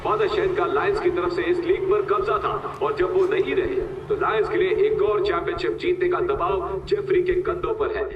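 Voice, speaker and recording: High lively race announcer guy, a man voicing him, roomy far-off sound with music under it. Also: normal speed, lo-fi sound, a little hiss or hum, lightly acted. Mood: excited. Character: male race commentator, energetic. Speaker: race commentator. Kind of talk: dubbed sports commentary. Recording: roomy, distant, music behind.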